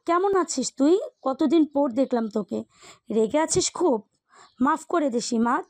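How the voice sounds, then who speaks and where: A woman voicing a lively, teasing young woman in an audio love story. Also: high voice, unhurried, no echo. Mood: pleading. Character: teasing young woman, the heroine's friendly cousin.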